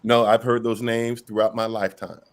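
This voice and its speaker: A man speaking casually as a guest on an online show, relaxed and joking. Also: fairly low pitch, moderate pace. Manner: jokey, relaxed. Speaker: guest husband. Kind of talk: casual chat.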